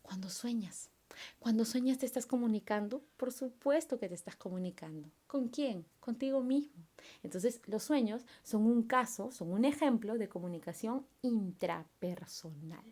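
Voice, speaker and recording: A woman's voice: fairly high pitch, moderate pace. A woman teacher from Peru, giving a recorded class lesson and firing questions at her students. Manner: animated, asks students questions and acts out their replies.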